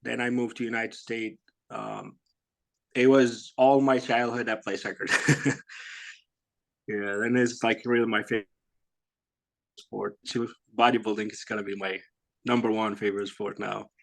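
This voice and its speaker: A man, answering interview questions in a halting, casual way with many fillers and soft laughs. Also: fairly low pitch, little pitch movement, gravelly. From Iraq. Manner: halting, lots of "you know" and "like", laughs softly. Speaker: guest, bodybuilder.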